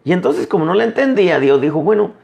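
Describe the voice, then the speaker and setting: A man preaching a sermon as an apostle, emphatic with dramatic pauses. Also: sits high, sing-song, vocal fry, darkish tone, highs cut off.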